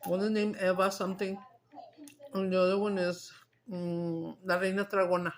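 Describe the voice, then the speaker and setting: A woman's voice: lowish voice, little pitch movement, moderate pace, a little hiss or hum. A middle-aged woman, chatting loosely while eating on camera, swearing and slipping into Spanish. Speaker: mukbang streamer. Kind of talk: casual chat while eating.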